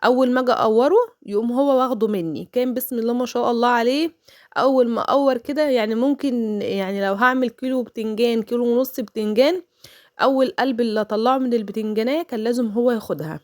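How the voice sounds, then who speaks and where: Her fairly high, darkish voice races along, captured in a dry, studio-quality recording. She is a mother in her thirties with an Egyptian Arabic accent, chatting through a home cooking voice-over and sharing stories laced with religious phrases.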